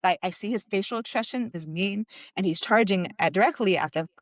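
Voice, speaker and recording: A woman's voice: mid-range voice, brisk, no room sound. A woman co-hosting a podcast, telling a personal story in a candid, conversational way with frequent filler words. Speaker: podcast co-host.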